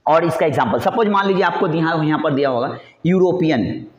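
A man's voice: on the high side, animated, fairly quick. Coaxing male teacher, echoey lo-fi. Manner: repetitive, coaxing, asks and answers own questions. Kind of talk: exam-prep English grammar lesson. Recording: echoey, dull lo-fi room sound.

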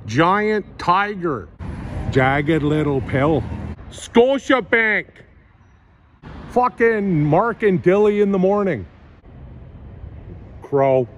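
A man's voice: sits high, animated, a little hiss or hum, full character voice. A man hamming up a broad Canadian accent. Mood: hammy. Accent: exaggerated Canadian. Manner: drawn-out, loud, savoring each word.

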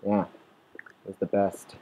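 Low-voiced man rambling through gameplay. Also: little pitch movement, slow pace, mellow, slight background noise, rough recording. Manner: rambling, swearing, talks at game mobs, restarts sentences. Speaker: gameplay commentator. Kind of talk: rambling let's-play commentary. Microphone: desktop or headset mic.

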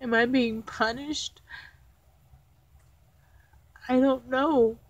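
A woman vlogger speaking to her viewers from home in a slow, halting way, close to tears. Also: sits high, steady tone, dull audio. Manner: slow, halting, soft-spoken. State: tearful, holding back crying. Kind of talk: emotional personal confession to viewers.

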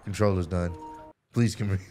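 A man's voice: deep voice, fairly even intonation, moderate pace, mellow, faint music behind. A young American man giving casual reaction commentary as co-host while watching gaming clips.

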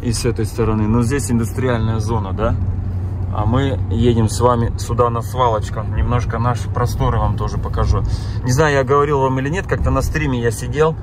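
With a mid-range voice, fairly even intonation, and a slightly fast pace, a Russian-speaking vlogger born in Kazakhstan who has lived in Germany chats casually with viewers during a drive through town. He often exclaims at what he sees, and background noise can be heard.

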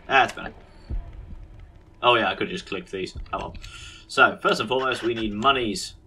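A man's voice: fairly low pitch, moderate pace, sharp tone, a little hiss or hum. A man with a British accent giving casual, sardonic, mock-grumpy gameplay commentary as a video host.

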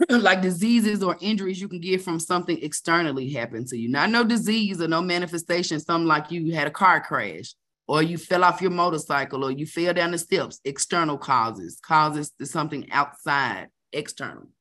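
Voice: medium pitch, animated, moderate pace, bright, forceful tone. A medical coding instructor teaching a casual live session, talking conversationally to the class, repeating key terms for emphasis and adding chatty asides.

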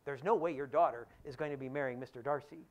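A man's voice: medium pitch, fast, voice pushed down, close to an everyday voice. A man voicing a haughty older aristocratic woman, asking scornful, indignant questions.

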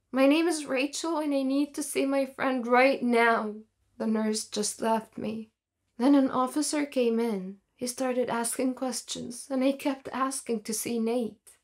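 Brief: female storyteller, first-person narration, slightly high voice, earnest and plain. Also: a little mellow.

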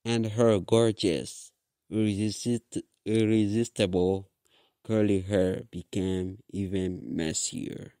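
A man reading his own story aloud in a slow, halting way with restarts. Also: low-pitched, vocal fry, dark tone, smooth, no room sound, studio quality. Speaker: author reading his book. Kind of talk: storybook narration.

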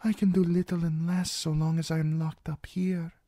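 A man's voice: on the high side, flat delivery, moderate pace, dark tone, dry recording, studio quality, pitched above the performer's own voice. A man voicing a scheming young princess, coaxing and confiding in a raised voice. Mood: urging.

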